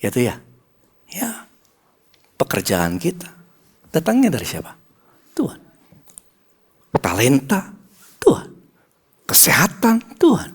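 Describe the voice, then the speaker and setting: A middle-aged man preaching a sermon as pastor, swinging between loud emphasis and hushed whispers and calling on the congregation to answer. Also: mid-range voice, wildly swooping pitch, unhurried, pauses often, breathy edge. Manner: asks the congregation call-and-response questions.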